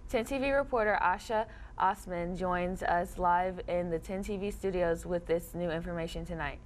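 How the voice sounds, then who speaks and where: A woman anchors the news in a fairly low voice. Her delivery is scripted, with slight room noise behind it. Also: moderate pace.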